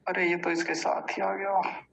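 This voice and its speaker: A man with a somewhat high voice leads a recitation lesson, spelling out a mantra syllable by syllable at an unhurried pace. He repeats each word slowly and corrects common slips as he goes. The sound has a slight radio-like quality. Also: little pitch movement, vocal fry, a bit bright, a little hiss or hum, poor audio. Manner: slow, careful syllable-by-syllable pronunciation drills. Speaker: Sanskrit mantra teacher.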